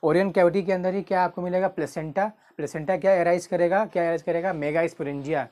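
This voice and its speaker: A man tutoring biology in an exam-prep lecture, repeating key terms slowly and asking questions that he answers himself. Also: sits high, steady tone, darkish tone.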